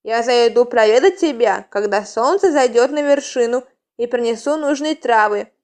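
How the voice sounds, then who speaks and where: A woman's voice: fairly high pitch, normal speed, a little mellow, natural voice. Young male cat healer, storybook, caring and soothing, voiced by a woman. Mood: reassuring.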